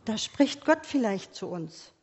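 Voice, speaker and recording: A woman delivers a sermon at a slow, unhurried pace, her voice sitting a little high. She speaks gently and asks her listeners many quiet questions. The sound rings with the long reverb of a church hall. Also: very animated, husky, lo-fi sound. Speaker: preacher.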